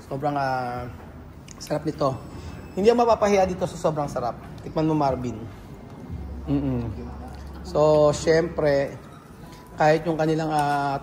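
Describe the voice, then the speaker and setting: A food vlogger from the Philippines, his voice on the high side and a little mellow, laughs a lot while trying dishes at a restaurant over a shared meal. He chats casually, moving between Tagalog and English. The audio sounds like a large hall, with a little hiss or hum.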